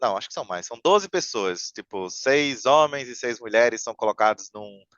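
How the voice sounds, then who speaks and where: A man rambles through a story in a relaxed podcast chat, piling on fillers and restarts. His voice is smooth and resonant. The sound is dry and a little muffled. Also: medium pitch, a little fast, dry recording. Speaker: podcast guest. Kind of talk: casual chat.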